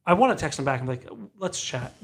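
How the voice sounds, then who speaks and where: A man hosting a casual podcast, animated and telling stories with acted-out dialogue. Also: mid-range voice, very fast. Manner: animated storyteller who acts out quoted dialogue. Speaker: podcast host.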